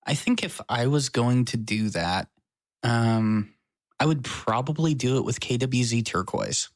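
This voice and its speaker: Chatting casually from his apartment, a man co-hosts a podcast in an unhurried, medium-pitched voice, joking and poking fun at himself. The recording is dry.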